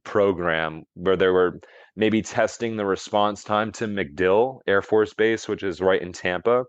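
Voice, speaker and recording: A man's voice: sits low, measured pace, clean tone, no room sound, dull audio. A man as a podcast guest, telling a story in a casual, rambling way, full of "like" and restarts. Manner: rambling, heavy use of "like" and restarts. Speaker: podcast guest, longevity coach.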